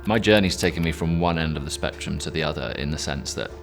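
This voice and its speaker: A man's voice: rumbling low, quick pace. A man speaking earnestly in a documentary interview, reflective, with small restarts. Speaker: interviewee, endurance athlete. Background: background music.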